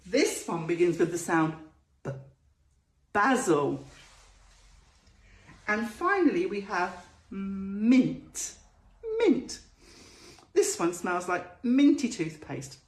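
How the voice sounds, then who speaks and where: Speaking slowly with long pauses, a woman in a mid-range, sing-song voice presents show-and-tell to young children. She's a storytime presenter and teacher who talks right to them and lengthens important words. Echo fills the room.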